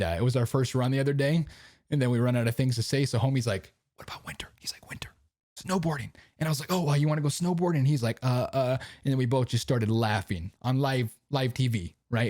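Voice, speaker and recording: A young man rambles through a casual podcast chat in an easy, slangy way. His voice sits at an ordinary middle pitch. The sound is close and dry, with no room echo. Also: darkish tone. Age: young adult. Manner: laid-back, rambling, slangy, keeps asking "you know what I mean". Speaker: podcast host. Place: home recording setup.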